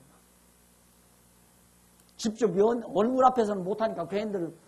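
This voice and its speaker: A man's voice: on the high side, slightly rough. An older man, a pastor, giving a chatty, self-reflective Bible lecture while seated before a class. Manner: chatty, self-reflective, sometimes mimics shouting preachers. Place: seated, speaking informally to a class.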